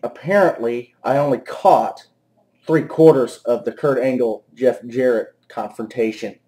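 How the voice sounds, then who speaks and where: A man's voice: mid-range voice, a little slow, dark tone. A man reviewing a wrestling show in an angry, profane and sarcastic rant. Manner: exasperated and profane. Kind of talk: angry ranting commentary.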